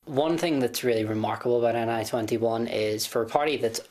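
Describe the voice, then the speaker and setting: A man's voice: medium pitch, brisk, darkish tone. A man giving analysis as a political commentator in a news interview. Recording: faint background noise.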